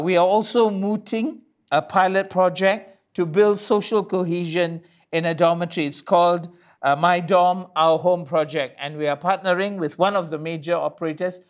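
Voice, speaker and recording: An older bishop, preaching a sermon at a lectern in a slow, deliberate way, with pauses and fillers. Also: male voice, on the high side. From Singapore. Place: studio stage with curtains, standing at a lectern.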